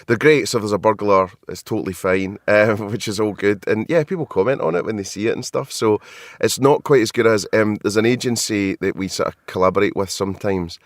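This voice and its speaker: A man's voice: on the low side, brisk, few pauses, no echo, clean studio sound. A man with a Scottish accent hosting a marketing podcast, chatty and self-deprecating, laughing often. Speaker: podcast host. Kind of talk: casual podcast chat. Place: hotel.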